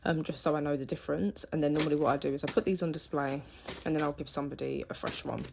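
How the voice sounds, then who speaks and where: A woman's voice: deep voice, steady tone, fast talker, gravelly, noisy background. A woman who runs a small business, chatting casually through her stock with many fillers and sounding a little out of breath. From United Kingdom. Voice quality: filler-heavy, chatty, thinking aloud. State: slightly out of breath. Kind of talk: casual vlog walkthrough.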